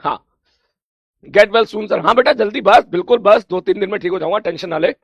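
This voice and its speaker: Male teacher from India, hoarse, high and gravelly, chatty warm-up talk. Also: brisk, dry recording, lo-fi sound. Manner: chatty, repeats greetings, laughs often. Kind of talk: casual chat before an online class.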